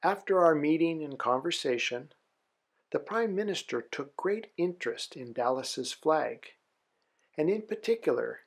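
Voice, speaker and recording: A man giving scripted documentary narration in a measured, even way. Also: a little high, vocal fry, husky.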